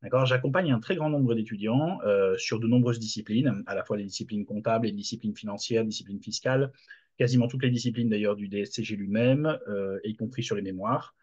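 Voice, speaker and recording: A man's voice: lowish voice, a little fast, darkish tone, husky. Hesitant man on lo-fi call audio. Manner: hesitant, many fillers and restarts. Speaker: university lecturer launching a channel. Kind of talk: casual spoken channel introduction. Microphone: video call recording. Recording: dull lo-fi video call audio.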